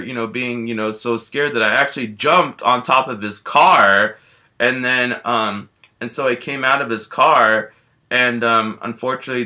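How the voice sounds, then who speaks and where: A man playing a big, gentle grizzly bear who tells a rambling first-person story, packed with fillers and easily frightened. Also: medium pitch. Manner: rambling, constant "you know" fillers.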